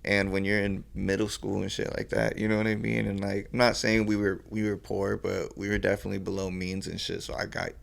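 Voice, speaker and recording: A young man with a deep, heavily gravelly voice that stays low and level, with little rise and fall. He talks loosely and at length as a podcast guest, full of fillers and swearing. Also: flat delivery, a little fast, few pauses. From California. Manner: laid-back, rambling, heavy swearing and fillers. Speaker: podcast guest, battle rapper. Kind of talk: casual podcast chat.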